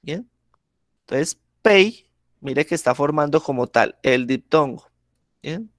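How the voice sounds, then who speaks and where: A man's voice: fairly high pitch, unhurried, no room sound, studio quality. A man teaching a class, explaining step by step with examples and often checking that students follow. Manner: keeps checking in with the class, asking ¿listo? and ¿sí?. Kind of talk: online class lesson.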